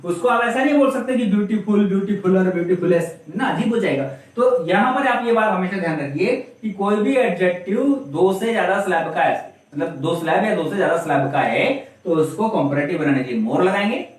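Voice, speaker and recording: A man's voice: sits high, lively intonation, brisk, hardly any pauses. A male teacher giving a classroom grammar lesson, asking the class questions and then answering them himself. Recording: very echoey room, voice from a distance.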